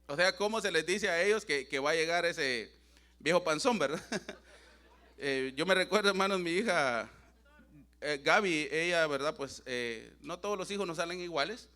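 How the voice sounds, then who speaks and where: A man's voice: fairly high pitch, animated, moderate pace, sharp tone. A middle-aged man with a Central American Spanish accent preaches a sermon in church in an earnest, conversational way. He keeps addressing the congregation as brothers and adds a habitual tag question.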